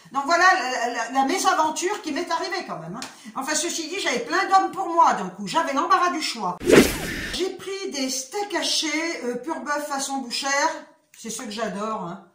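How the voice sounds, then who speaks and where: A talkative woman with a slightly high voice chats casually to her viewers and swears freely. She retells conversations in a loose storytelling way. The room around her sounds echoey. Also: fairly bright tone. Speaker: vlogger.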